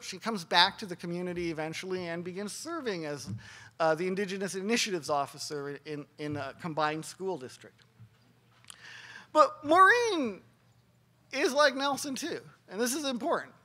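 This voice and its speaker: A man giving a keynote talk at a conference gathering, telling a story earnestly and pausing for emphasis. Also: high voice, pushed and bright. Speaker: keynote speaker.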